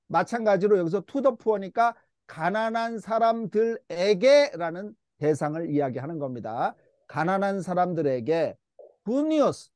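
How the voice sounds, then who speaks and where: Call-and-response drills fill this church English Bible lesson, led by a man whose high, animated voice draws out words for the class to echo. His tone is coaxing and patient, and the audio is close and dry, free of room echo.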